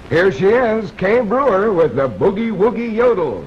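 A man's voice: high voice, sing-song, normal speed, music in the background. A man hosting a barn dance show, chatting folksily and teasingly between acts, in the dull sound of a 1950s TV broadcast. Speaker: show host and emcee. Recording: dull lo-fi old TV broadcast with faint hiss.

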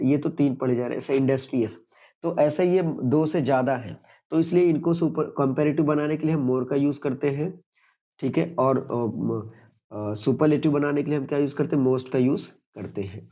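A man's voice: medium pitch, dark tone, lo-fi sound. A man teaching a grammar lesson, who keeps repeating points and asks questions he answers himself.

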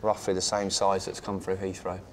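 A man's voice: sits low, monotone, moderate pace. A man, an animal health officer chatting casually at work in a loading bay. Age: 40s. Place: large indoor loading bay. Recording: noisy loading bay, clicks.

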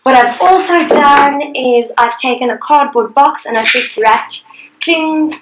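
A woman's voice: sits high, a little slow, noisy background. A young woman leading a live guided painting class over a video call, chatty and upbeat, laughing often. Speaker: art instructor. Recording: echoey room.

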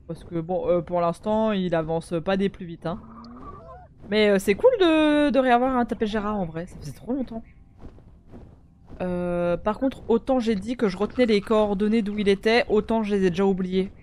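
A woman's voice: mid-range voice, normal speed, a little mellow. A woman hosting a gaming video, chatting casually with friends while she plays, full of hesitations and laughs. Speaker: gaming channel host. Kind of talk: casual gameplay chat with friends.

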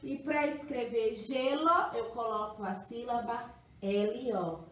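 A woman's voice: fairly high pitch, slow pace, slight background noise. A woman teaching young children letters in an exaggerated, singsong, encouraging way. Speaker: kindergarten teacher. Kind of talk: children's phonics lesson. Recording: echoey room, mic at a distance.

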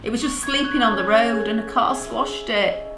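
A woman's voice: fairly high pitch, moderate pace. A middle-aged woman, the host's mother, teasing him in a dry, mocking way. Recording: music under voice.

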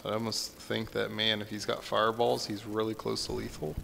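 A man's voice: lowish voice, little pitch movement, moderate pace, vocal fry, background noise. A man commentating a card-game match, casual and musing, often trailing off and restarting a thought. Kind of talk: esports play-by-play commentary.

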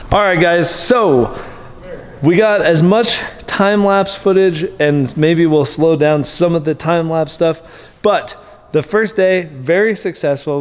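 A man's voice: on the high side, long reverb tail. A man hosting his own vlog, chatting casually and upbeat in a loose, rambling way with asides. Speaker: vlog host documenting a truck build. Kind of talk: casual video diary.

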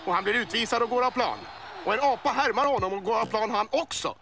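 A man voicing an excitable male boa snake who commentates a cartoon sports match, working up to yells at the goals. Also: very high voice, background noise. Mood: amused. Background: music.

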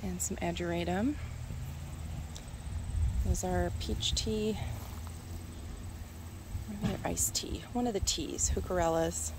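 Holding her phone camera as she walks, a Minnesota gardener gives a casual tour of her garden, musing in a relaxed way and pausing over plant names she only half remembers. Her voice sits on the low side with a gravelly, fry-tinged edge, and loud insects and crickets fill the outdoor air around her.

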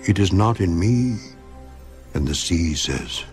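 With soft background music, a man voices the aged, suffering but steadfast Job for a Bible audio drama. His voice is low and slow with lively intonation, solemn and declamatory, emphasis rising and falling.

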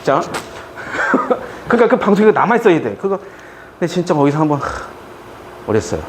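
A middle-aged man lectures a class on math, breaking into joking stories along the way. His voice sits somewhat high and swings widely as he talks. Faint room ambience hangs behind him. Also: moderate pace, slight background noise. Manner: animated, joking, chatty with students. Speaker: math tutor. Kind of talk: lecture with storytelling asides.

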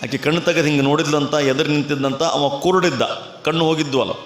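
Bright, high-voiced male preacher in echoey hall. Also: fairly even intonation, quick pace. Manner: dramatic storyteller, acting out the characters' lines. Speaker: swami giving a religious discourse. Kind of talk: sermon storytelling. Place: temple fair stage. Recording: echoey hall with music behind.

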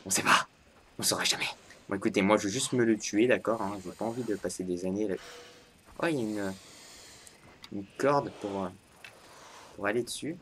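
A man giving excitable gaming commentary, talking to his viewers and bursting into yelps and laughter. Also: lowish voice, normal speed, long pauses, slight background noise. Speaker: gaming YouTuber.

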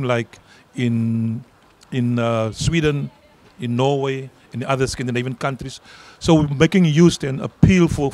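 Holding a handheld mic outdoors at a garden event, a middle-aged union leader from South Africa answers interview questions with earnest conviction and an Afrikaans accent. His mid-range voice has a darkish tone, and he repeats words for emphasis.

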